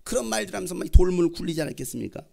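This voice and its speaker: Animated Korean pastor preaching. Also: male voice, high-pitched, rapid-fire, vocal fry. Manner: animated storytelling, acts out voices. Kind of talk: sermon.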